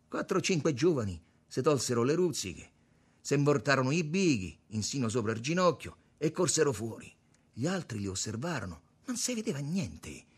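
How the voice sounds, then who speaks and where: A man reading a novel aloud with expressive storytelling. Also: mid-range voice, breathy edge. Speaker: narrator.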